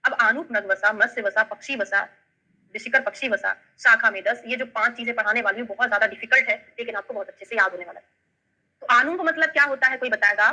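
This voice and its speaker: A fast-talking woman with a slightly high, pushed and bright voice leads an online Ayurveda lesson in Bundelkhandi-accented Hindi. She explains step by step, shares memory tricks, and checks in with students, all on a muffled recording.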